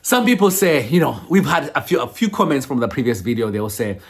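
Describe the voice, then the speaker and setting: A man's voice: mid-range voice, big pitch swings, fairly quick, slightly rough. A man, around middle age, giving a candid personal update to viewers in an emphatic way, repeating phrases for stress. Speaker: foster parent vlogger.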